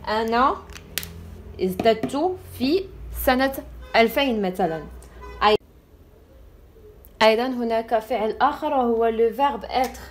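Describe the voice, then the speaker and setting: Woman teaching French grammar, slow and deliberate. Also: a little high, soft background music. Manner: slow, deliberate spelling-out of French words between Arabic explanation. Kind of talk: grammar lesson.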